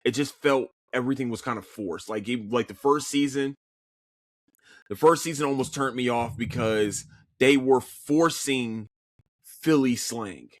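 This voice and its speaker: A podcast host with a Philadelphia accent chats alone about shows he's watched, speaking unhurriedly in a mid-range voice in a clean studio recording with no room sound. The casual review is animated, full of free swearing, frequent restarts and stammered repeats.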